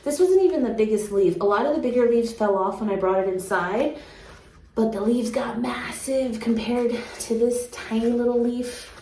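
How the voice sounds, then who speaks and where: Excitable plant lady vlogging at home, kinda high voice, echoey room with a little hiss. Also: normal speed. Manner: chatty and excitable, talks to her plant. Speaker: houseplant vlogger. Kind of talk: casual chat to camera. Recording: echoey room with faint background noise.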